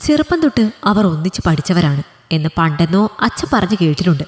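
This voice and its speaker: A young woman telling a first-person story aloud as a storyteller, reading in an expressive, dramatic way. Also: on the low side, brisk. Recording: long hall reverb.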